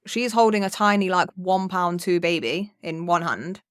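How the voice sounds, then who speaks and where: A woman's voice: lowish voice, moderate pace, smooth, no echo, studio quality. A young woman telling a rambling childhood story on a podcast, swearing freely and acting out what people said. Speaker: podcast co-host. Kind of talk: casual storytelling.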